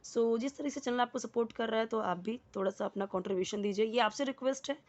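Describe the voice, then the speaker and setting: A woman's voice: a little high, fast, muffled recording. A woman teaching spoken English, explaining word by word and repeating words for practice.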